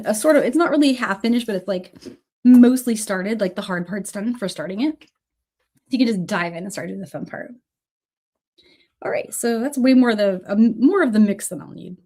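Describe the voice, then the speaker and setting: In a casual livestream beading tutorial, a woman aged somewhere in her thirties or forties works and talks in a friendly, chatty way, thanking viewers by name. A cold colors her slightly high voice, and she coughs now and then.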